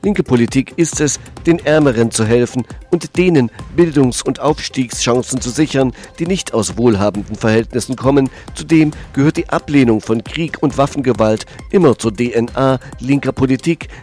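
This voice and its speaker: A man's voice: mid-range voice, moderate pace, hardly any pauses, a little mellow, soft background music. A man hosting a show, delivering polemical political commentary in a sarcastic, mocking manner. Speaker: host.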